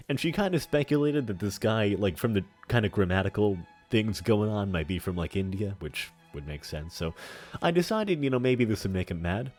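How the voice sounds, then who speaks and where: Man, casual narrator, informal explanatory asides, hesitant phrasing, very varied pitch. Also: a little mellow. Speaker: narrator of his own prank.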